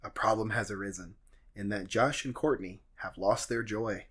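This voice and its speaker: A man's voice: on the low side, moderate pace, fairly bright tone, slightly rough. A young man co-hosting a podcast, recapping a show in a dry, sardonic, joking way. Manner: dry, sardonic, summarizing plot with jokes. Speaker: podcast co-host. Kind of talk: casual comedic recap chat.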